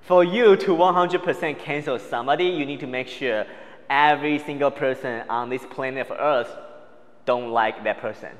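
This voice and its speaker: A man's voice: medium pitch, normal speed, big-room sound. A man in his thirties, a stand-up comedian, speaking emphatically in a documentary interview on a lapel mic.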